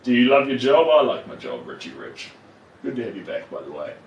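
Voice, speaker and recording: A man's voice: medium pitch, sing-song, fairly quick, dull audio. A man with a broad New Zealand accent chatting casually and encouragingly to viewers as he hosts a livestream. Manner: encouraging, reassuring. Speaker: livestream host. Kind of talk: casual livestream chat while working, replying to viewers. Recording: roomy, distant mic with faint noise.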